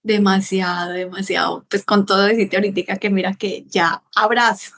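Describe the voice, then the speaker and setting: A woman's voice: medium pitch, fairly even intonation, measured pace, fairly bright tone. A woman, a guest in a casual podcast conversation, telling stories expressively.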